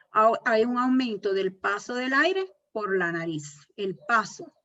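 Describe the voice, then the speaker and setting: A woman with a somewhat high, slightly bright voice gives a university lecture on speech disorders. She explains each step, repeats the main points, and checks in with her students, all captured in a dull lo-fi recording.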